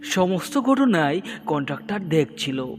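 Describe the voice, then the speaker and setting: A man narrating a horror story in a slow, dramatic storytelling manner. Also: on the high side, very animated. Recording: long reverb with background music.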